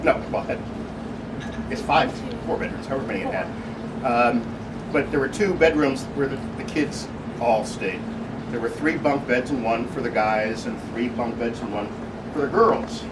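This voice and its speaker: A man with a mid-range voice, speaking at a normal speed, delivers a funny tribute speech at a birthday party, slipping in wry jokes along the way. Loud room noise fills the recording, which comes from a distant microphone.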